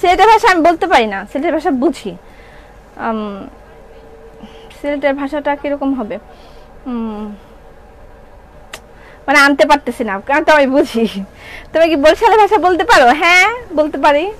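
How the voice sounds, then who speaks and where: A woman's voice: sits high, expressive, moderate pace, pauses often, poor audio. A woman from Bangladesh who owns a clothing shop, selling live from her showroom and chatting with viewers while repeating prices again and again. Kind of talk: live product selling, reading viewer comments.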